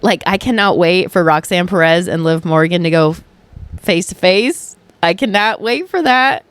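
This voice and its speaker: Sitting on her couch at home, a woman hosts a podcast in a medium-pitched voice with no echo. Her talk is casual and emphatic, peppered with "like" and some swearing.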